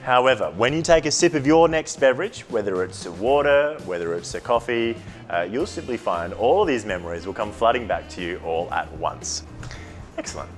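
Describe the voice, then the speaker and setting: Fast-talking male hypnotist over music. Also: medium pitch, lively intonation. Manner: repetitive, suggestive hypnotic phrasing. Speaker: stage hypnotist. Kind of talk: comedy hypnosis patter and interview chat.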